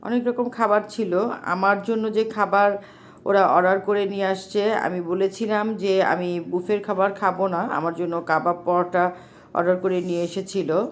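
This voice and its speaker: A woman's voice: medium pitch, fairly even intonation, moderate pace. A middle-aged mother with a Bangladeshi Bengali accent, narrating her family vlog in a homely, chatty way and talking straight to her viewers. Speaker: vlogger, mother.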